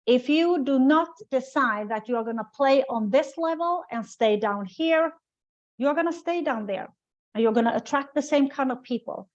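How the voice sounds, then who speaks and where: Animated and moderately paced, a business coach whose first language is Swedish leads a webinar in a slightly high voice. She hammers home key points by repeating them and asking "right?", and the sound is dull and lo-fi, typical of a webinar recording.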